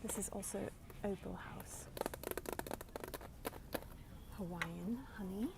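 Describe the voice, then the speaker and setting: An American ASMR creator, a young woman with a gravelly mid-range voice, softly whispers her way through a large retail store, naming items one by one as she films on a handheld phone. The recording picks up loud noise from the busy store, including people opening boxes.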